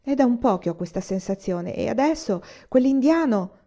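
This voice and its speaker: A man's voice: extremely high pitch, animated, normal speed, mellow, voice pushed up. A woman reading a worried pioneer father. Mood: earnest. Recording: slightly dull lo-fi recording.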